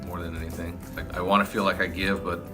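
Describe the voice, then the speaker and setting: Deep-voiced man in his forties, hesitant. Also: little pitch movement, quick pace. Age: 40s. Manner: hesitant, lots of fillers. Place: classroom. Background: background music.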